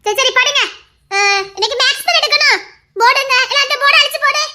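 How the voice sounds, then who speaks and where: A strict tuition teacher , put on by a woman, fires nagging questions at her pupils. The voice sits very high and sounds bright and sharp. It is comic skit acting. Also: fast, heavily acted. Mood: scolding.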